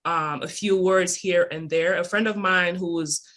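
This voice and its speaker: A woman's voice: lowish voice, steady tone, normal speed, a bit bright. A woman from Cameroon, a guest entrepreneur, answering interview questions in a chatty, upbeat way with many fillers.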